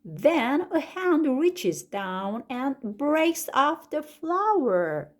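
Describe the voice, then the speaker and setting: A woman with a Korean accent, reading an English picture book aloud slowly and expressively, like a teacher, with lively rises on the exciting words. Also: high voice. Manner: slow and deliberate, stretching words, with lively rises on exclamations. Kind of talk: slow, expressive storybook read-aloud.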